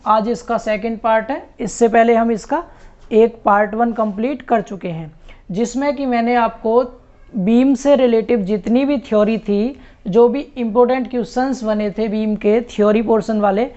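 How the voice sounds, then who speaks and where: A man's voice: very high voice, darkish tone. A man teaching an online lecture, explaining step by step and repeating key terms. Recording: muffled lo-fi recording.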